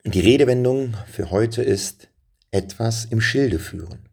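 A man reading a children's story aloud in a lively, dramatic way, dropping to hushed passages. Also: fairly low pitch, a little slow, vocal fry, slightly rough.

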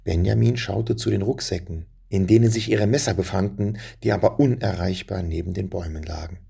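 A man narrating a children's story in a calm, measured way, addressing young listeners. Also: low voice, creaky, slightly rough.

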